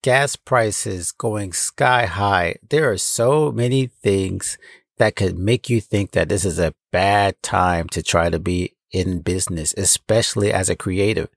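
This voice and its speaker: A man's voice: low voice, unhurried, creaky, no room sound, studio quality. An American man hosting a podcast, talking to his listeners in an encouraging, emphatic way. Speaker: podcast host and founder. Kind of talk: solo podcast talk, addressing listeners. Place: clothes closet at home.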